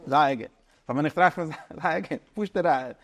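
Man lecturing, higher-pitched and searching. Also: a bit bright. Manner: searching, halting, mixes in English terms. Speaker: teacher. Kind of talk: informal philosophy lecture.

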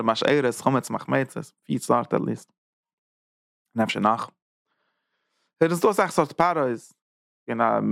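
A Torah teacher gives a lively religious class in a gravelly voice, repeating phrases, posing rhetorical questions and jumping up in pitch to stress points. The sound is clean studio audio with no echo.

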